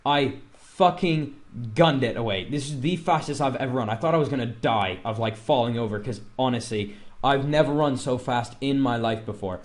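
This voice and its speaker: A man's voice: mid-range voice, moderate pace. A young man telling a story in a casual vlog, full of fillers like "like" and "uh", and swearing freely. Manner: rambling, filler-heavy and swearing. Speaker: vlogger.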